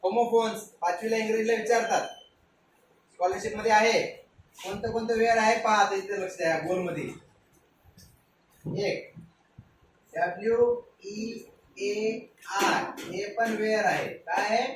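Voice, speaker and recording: A primary school teacher from Maharashtra, India, gives young pupils a spoken English vocabulary lesson, spelling each word letter by letter and repeatedly asking the class to say it back. His voice is high and measured, with frequent pauses. He sounds far from the mic in a very echoey room, with a little hiss or hum.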